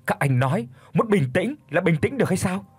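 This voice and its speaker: A man voicing a frantic middle-aged father who pleads and shouts in a hurry, with a husky voice. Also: high voice, animated, voice pushed up, heavily acted. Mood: furious. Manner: desperate, shouting, hurried.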